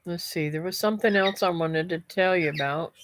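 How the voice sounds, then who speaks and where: Talking fairly quickly in a fairly low voice, a middle-aged woman reads her live stream's comments and rambles chattily to "guys" and "y'all." She's a homestead vlogger, and her voice sounds a little stuffy and nasal. There's slight background noise.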